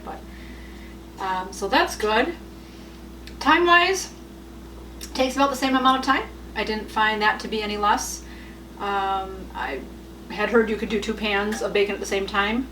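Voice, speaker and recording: A woman's voice: mid-range voice, steady tone, fairly quick, background noise. A middle-aged woman chatting casually through a cooking demonstration in her home kitchen, rambling a little with fillers and small laughs. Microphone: camera mic at some distance. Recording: roomy kitchen, voice a bit far off.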